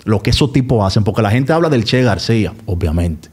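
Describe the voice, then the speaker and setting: A man's voice: fairly low pitch, expressive, a little fast, a little mellow, breathy edge. A Dominican-accented man speaking as a sports commentator on a podcast. His talk is casual and emphatic, and he repeats key words to drive home his opinions.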